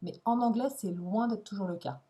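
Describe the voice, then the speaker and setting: A woman giving an instructional video lesson as an English teacher, speaking clearly and stressing key words in an encouraging way. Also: mid-range voice, moderate pace, warm tone.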